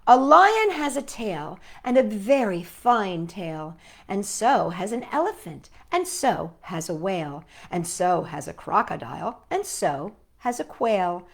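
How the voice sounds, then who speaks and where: A woman hosts a storytime, reading children's stories and poems aloud expressively and speaking directly to young listeners. Her voice is medium-pitched and very animated, slow, with vocal fry.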